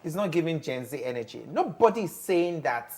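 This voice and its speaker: Woman, low voice, very lively pitch, opinionated, TV panel discussion. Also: brisk, slight background noise. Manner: opinionated, emphatic, acts out quoted speech. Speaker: TV talk show panelist. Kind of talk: studio discussion.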